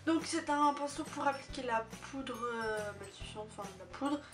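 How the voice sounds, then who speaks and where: A woman in a casual, chatty product review, pausing often with hesitant fillers. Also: high voice. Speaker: beauty vlogger. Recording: distant mic with music behind.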